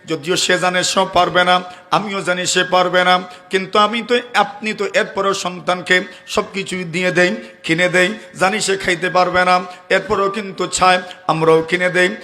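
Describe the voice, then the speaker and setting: High-voiced preacher. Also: male voice, fairly even intonation, pushed and bright, soft background music. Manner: chants Quranic verses in a slow melodic recitation; asks the audience rhetorical questions. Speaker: Islamic preacher. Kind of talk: Bengali waz sermon.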